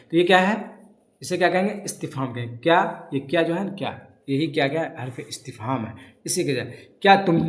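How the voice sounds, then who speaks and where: Grammar teacher, quizzing himself, echoey room. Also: male voice, fairly high pitch, a bit bright. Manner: drills by asking questions and answering them himself. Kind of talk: classroom lesson.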